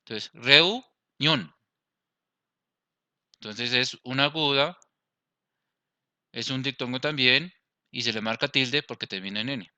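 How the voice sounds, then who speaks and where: A man's voice: mid-range voice, normal speed, pauses often, sharp tone, clear, resonant tone, no room sound. A man with a Colombian accent teaching a Spanish grammar lesson, explaining step by step and checking in with his class. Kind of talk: grammar lesson over slides.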